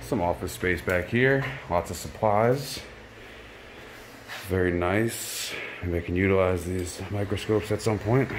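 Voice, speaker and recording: A man casually narrating a handheld walkthrough of a campus building and its rooftop greenhouse, talking in a relaxed, offhand way as he walks. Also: sits low, measured pace, noisy background. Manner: relaxed, offhand commentary while walking. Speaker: vlogger giving a walkthrough. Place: campus grounds outdoors and building interior with greenhouse. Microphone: handheld camera.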